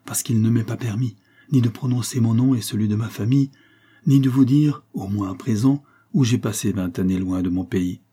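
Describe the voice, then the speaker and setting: Man playing a melancholy young convict, husky, deep, dark, grave and sorrowful, audiobook. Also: moderate pace.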